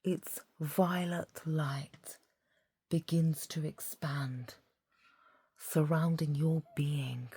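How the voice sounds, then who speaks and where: A woman leading a guided meditation in a soft, half-whispered voice, soothing and deliberate, phrase by phrase. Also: low-pitched, fairly even intonation, husky.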